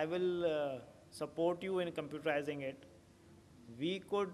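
A man's voice: a little high, a little hiss or hum. Man at a podium in a reverberant hall. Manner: explanatory, steady, with fillers and restarts. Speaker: conference speaker. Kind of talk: answering audience questions at a conference. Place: large auditorium, at a podium. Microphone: podium microphone. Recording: long hall reverb, faint ambience.

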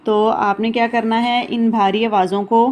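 A woman gives a recorded lesson to small children. She sounds out each letter slowly and patiently, repeating herself and pausing to check that the class is following. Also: a little high, flat delivery, a little mellow, slight background noise. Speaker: teacher.

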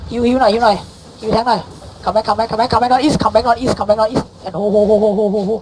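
A man calling shots in a game battle, barking rapid repeated commands and countdowns, mixing English callouts into his speech. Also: high-pitched, fairly even intonation, a little mellow, a little hiss or hum, poor audio. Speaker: guild war shotcaller. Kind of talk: live game commands over voice chat.

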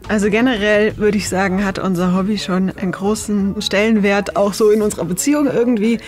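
A woman's voice: mid-range voice, fairly even intonation, fairly quick, a little mellow. Chatty woman in her late twenties. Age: 20s. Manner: chatty, laughs often, many fillers. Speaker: documentary interviewee. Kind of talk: casual interview chat. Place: cinema auditorium.

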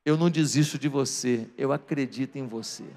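A man voicing a soft, gentle Jesus. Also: sits high, a little fast, in a large hall, voice pushed down. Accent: Brazilian Portuguese. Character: calm forgiving Jesus speaking to a disciple.

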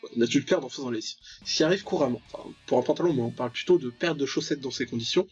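Rapid-fire and a little breathy, this mid-range male voice hosts a let's play full of ironic remarks and interjections as he reads the game's text aloud. Game music runs behind a dull, lo-fi mic.

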